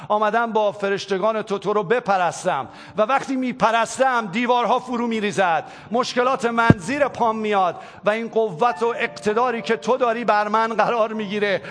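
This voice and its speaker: A man preaching in a notably high voice, building his points through insistent repetition before moving into fervent prayer. Soft music plays faintly behind him, and his delivery stays impassioned throughout. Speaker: pastor. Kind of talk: sermon and spoken prayer.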